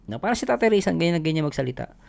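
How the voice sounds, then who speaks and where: Laughing often, a Filipino man hosts a vlog and chats casually with his audience in a rapid-fire, very animated way. The voice is a little high, gravelly and a little mellow, and the recording is noisy.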